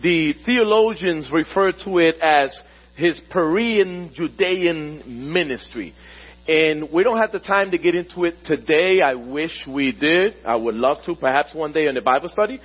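A man preaching a sermon to his congregation at a pulpit microphone in a church, slowing down to stress key words and calling on the listeners to answer back. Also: fairly high pitch, expressive. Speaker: pastor. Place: church sanctuary. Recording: dull recording with mains hum.

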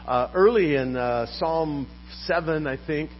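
A man preaching a sermon as pastor, putting questions to his congregation in a lively manner. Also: a little high, unhurried, soft background music. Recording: dull recording with faint mains hum.

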